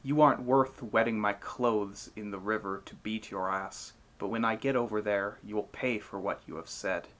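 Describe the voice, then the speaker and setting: A man's voice: on the low side, normal speed, hardly any pauses, fairly bright tone, close to an everyday voice. A man voicing a proud, hot-tempered warrior god in a myth retelling, boastful and declamatory. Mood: frustrated.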